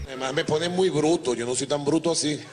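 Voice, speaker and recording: Man playing sulky heavyset president caricature, fast complaining, music behind. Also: fairly high pitch, natural voice. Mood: aggrieved. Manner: quick aggrieved complaining.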